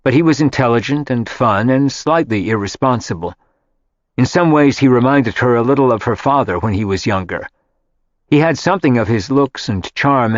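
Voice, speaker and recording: Male narrator, mid-pitched, steady audiobook read, dry lo-fi sound. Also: no echo. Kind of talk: scripted narration.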